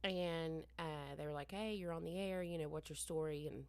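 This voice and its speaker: A woman chats and tells a story as a podcast co-host, rambling and interrupting herself as she goes. Her voice sits low for a woman. The sound is dry and close to the mic. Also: moderate pace, clean tone, no echo. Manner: rambling, self-interrupting, trails off. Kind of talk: casual chat, storytelling. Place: basement room used as bar and storage.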